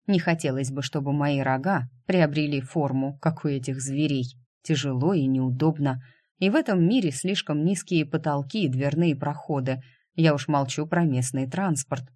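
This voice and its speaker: A man reading a first-person novel aloud as an audiobook narrator, in a calm, even way. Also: on the high side, dry recording, studio quality.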